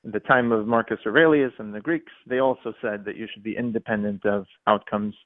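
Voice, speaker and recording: A man calling in to a radio talk show, speaking over a phone line and rambling, halting often with fillers. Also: lowish voice, fairly even intonation, no echo. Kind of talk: call-in radio chat.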